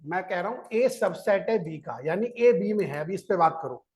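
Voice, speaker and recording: A male maths teacher with a high, animated voice and a darkish tone lectures at normal speed. He repeatedly questions his students, restates the key steps, and coaxes them to listen first before writing.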